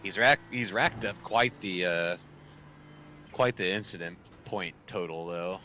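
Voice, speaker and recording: A man's voice: deep voice, unhurried, bright, forceful tone, slight background noise. A man in his thirties streaming sim racing from home, rambling casually to viewers with dry sarcasm and lots of fillers.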